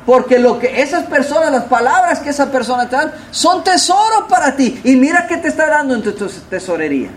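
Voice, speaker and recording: A man preaching a sermon, asking rhetorical questions and swinging between loud and soft delivery. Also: very high-pitched, very animated, a little fast, hardly any pauses, a little hiss or hum, rough recording. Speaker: pastor.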